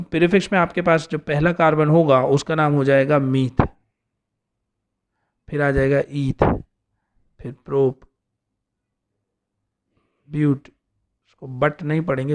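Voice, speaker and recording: A man's voice: fairly high pitch, darkish tone. A man teaching an organic chemistry lesson, explaining step by step and often checking in with his students. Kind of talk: classroom lecture.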